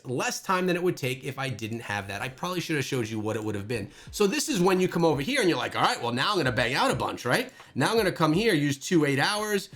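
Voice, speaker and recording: A man hosting a gaming channel, talking through gameplay with animated exclamations. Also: on the high side. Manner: animated and exclamatory, thinking aloud. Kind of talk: gameplay commentary.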